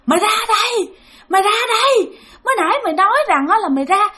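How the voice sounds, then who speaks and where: Woman doing a shrill, mocking young female ghost, repeating her taunts. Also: expressive, quick pace, pushed and bright, full character voice. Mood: taunting. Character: vengeful young female ghost, cackling and menacing.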